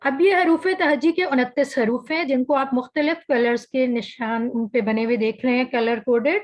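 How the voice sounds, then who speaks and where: A woman teaching an online tajweed class, saying each letter slowly and carefully, then patiently explaining how it is made. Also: high-pitched, fairly even intonation, poor audio. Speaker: Quran recitation teacher.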